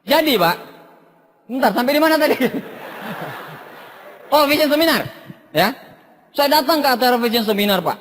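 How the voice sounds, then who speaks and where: Man, high-pitched voice, humorous motivational speaker, keeps saying "Pak" to the listeners, long reverb of a hall. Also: animated, moderate pace, pauses often, fairly bright tone, a little hiss or hum. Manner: addresses listeners with "Pak" constantly.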